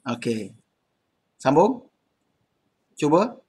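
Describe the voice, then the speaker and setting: Husky Malaysian man teaching casually online. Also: a little high, very animated, drawn-out words, darkish tone. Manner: casual, chatty, laughs often. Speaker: Arabic teacher. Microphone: computer mic on video call.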